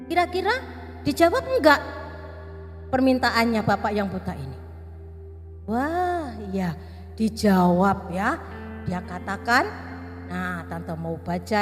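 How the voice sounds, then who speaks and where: A woman teacher telling a Bible story to children in an animated way, often asking them questions. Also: mid-range voice. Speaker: Sunday school teacher. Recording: reverberant room with faint music.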